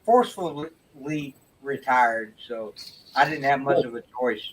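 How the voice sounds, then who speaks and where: A man's voice: mid-range voice, measured pace, noisy background. A man in a casual chat who talks hesitantly, full of restarts, and often agrees with a short yeah.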